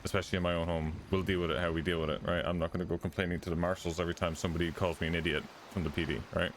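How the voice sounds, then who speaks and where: A very low-voiced man speaking in character as a motorcycle club member in a roleplay. His talk is blunt, firm and full of swearing. Faint night insects chirp behind him. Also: flat delivery, racing, a little hiss or hum.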